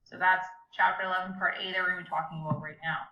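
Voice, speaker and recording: A woman's voice: fairly low pitch, level tone, very fast, lo-fi sound. A woman, teaching a recorded lesson to a class in a cheerful, chatty way and speaking straight to her students. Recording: echoey room.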